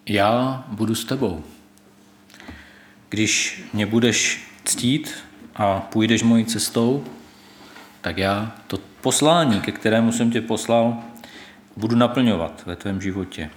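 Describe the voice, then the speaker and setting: Man preaching in an echoey room. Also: medium pitch. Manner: retells scripture and quotes God's words with emphasis; thoughtful, with hesitations. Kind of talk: sermon.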